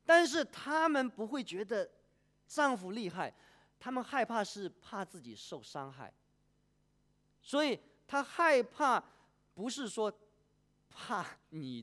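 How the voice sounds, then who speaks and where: A preacher delivering a sermon, asking the congregation questions and polling them by a show of hands. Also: mid-range voice. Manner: animated, poses questions and polls the congregation.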